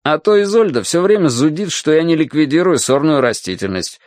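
A man voicing an unhurried, dryly ironic male janitor who speaks deliberately. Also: fairly high pitch, lively intonation, darkish tone, dry recording, studio quality, voice pushed up, close to an everyday voice.

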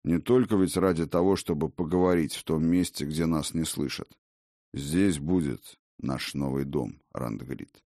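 Man voicing ancient old god, very deep voice, stern, commanding, booming, dry audiobook sound. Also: unhurried, dark tone, no echo. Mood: calm, certain. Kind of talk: audiobook character reading.

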